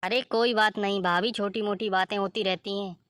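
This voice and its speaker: A woman's voice: mid-range voice, fairly even intonation, moderate pace, a bit bright, dry recording, studio quality, natural voice. A woman voicing a kind, supportive young sister-in-law in a cartoon story. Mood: reassuring. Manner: reassuring, kind.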